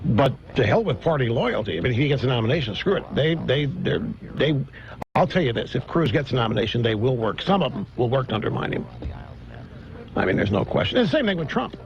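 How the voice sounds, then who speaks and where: A man hosting a political talk radio show, delivering an animated, mocking monologue. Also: mid-range voice, fast talker, creaky, background noise. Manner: animated, mocking, mimics others in exaggerated voices. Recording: dull lo-fi radio broadcast.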